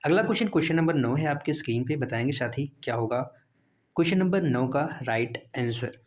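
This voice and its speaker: A man's voice: medium pitch, expressive, fairly quick. A male teacher going through exam practice questions one by one, asking and answering his own questions and repeating each answer. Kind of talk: exam prep lesson.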